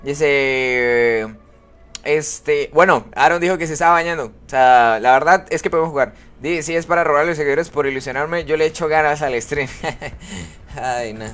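Here a man with a fairly high, somewhat bright voice, speaking at a normal speed, hosts a casual game stream live. He chats with followers, reads their comments out, and greets them by name.

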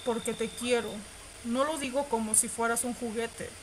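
A woman reads through a romance visual novel, her voice sitting a little high. She stays expressive the whole way, squealing and laughing at the sweet moments. A faint noise hums under the recording. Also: normal speed. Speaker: streamer reading a visual novel aloud. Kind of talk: reading game text aloud with live reactions.

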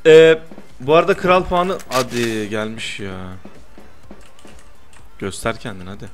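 A young man doing lively gameplay commentary, teasing his friend and protesting loudly to his viewers. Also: mid-range voice, a little slow, over music. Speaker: gaming YouTuber.

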